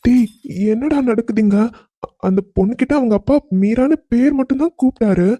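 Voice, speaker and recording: A man's voice: extremely high pitch, brisk, dark tone, no echo, studio quality. A puzzled stammering young man. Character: confused young man, friend of the groom. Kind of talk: cartoon voice acting.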